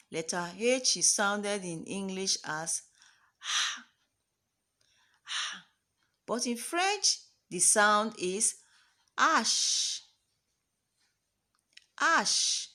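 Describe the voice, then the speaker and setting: A woman with a bright, crisp tone leads a slow, patient alphabet lesson. She draws out each letter sound loudly and calls on her listeners to repeat after her. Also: on the low side. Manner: drawn-out, emphatic repetition of letter sounds, calls for the class to repeat. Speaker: French teacher. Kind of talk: slow classroom-style lesson for children.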